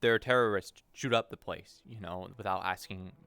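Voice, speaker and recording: A man's voice: lowish voice, moderate pace, pushed and bright, clean tone, no room sound. A man in an in-character roleplay, rambling and swearing with many restarts. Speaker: roleplay streamer.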